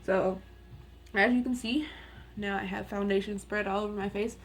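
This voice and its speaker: A young woman with a raspy voice, chatting candidly and rambling a little as she does her makeup in a get-ready-with-me video at home. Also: medium pitch, steady tone, normal speed, slight background noise. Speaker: beauty vlogger.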